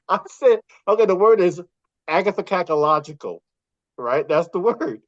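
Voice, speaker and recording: A man's voice: sits high, expressive, a little slow, dry recording. Male podcast guest, chatty storyteller who laughs a lot, muffled dry mic. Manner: chatty, laughs often, acts out quotes. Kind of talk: casual storytelling chat. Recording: slightly muffled dry recording.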